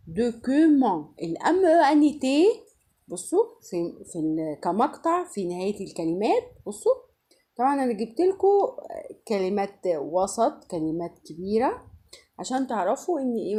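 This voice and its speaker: A woman with an Egyptian Arabic accent teaching a French pronunciation lesson, explaining patiently and repeating each word slowly. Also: mid-range voice, mellow. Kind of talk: online language lesson.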